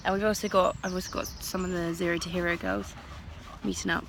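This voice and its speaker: A woman gives a casual, unscripted update for a running vlog. Her voice is on the low side, with some faint noise behind her. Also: level tone, a little fast, vocal fry. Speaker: amateur runner vlogging. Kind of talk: casual chat to camera.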